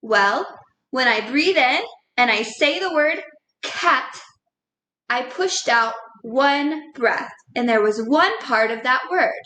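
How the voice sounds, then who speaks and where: Woman primary teacher, slow patient delivery, spells words aloud; roomy sound. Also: high-pitched, animated, bright, forceful tone. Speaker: second grade teacher. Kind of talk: recorded classroom lesson.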